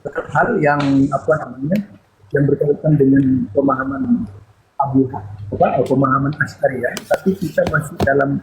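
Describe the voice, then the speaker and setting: A man moderates an online discussion over a voice call, with a middle-pitched voice. He talks loosely and often gropes for the next word. A faint background hiss runs underneath. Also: normal speed, rough recording. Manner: loose, searching for words.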